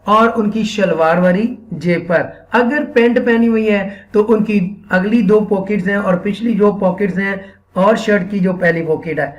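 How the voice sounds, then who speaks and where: A man's voice: high-pitched, muffled recording. A man with a Pakistani accent giving an earnest training lecture for Quran teachers, often repeating phrases and mixing in English. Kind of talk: instructional lecture.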